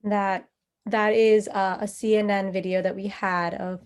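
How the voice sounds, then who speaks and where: A woman's voice: mid-range voice, level tone, unhurried, darkish tone, clean tone. Woman hosting a virtual event. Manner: friendly, slightly informal with fillers. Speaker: host of a charity event. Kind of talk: event introduction. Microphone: video call.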